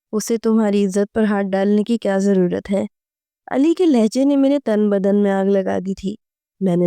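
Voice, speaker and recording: A woman narrating a dramatic story in the first person, in a steady, earnest way, close to the mic. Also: medium pitch, clear, resonant tone, no echo.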